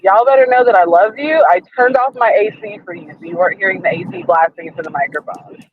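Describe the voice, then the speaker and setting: A man calling in to co-host from his moving car, his voice tinny and boxed in like inside a tin can, with lively, playful reactions. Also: sits high, fast talker, husky, dry recording. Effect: tinny, boxed-in sound like inside a tin can. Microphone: remote call audio. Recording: dull lo-fi remote call from a car.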